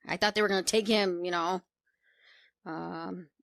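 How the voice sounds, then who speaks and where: A woman's voice: on the low side, steady tone, measured pace, gravelly, fairly bright tone, clean studio sound. A woman in casual, reactive chat as a co-host, agreeable and often echoing what she hears. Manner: agreeable, echoing the other speaker.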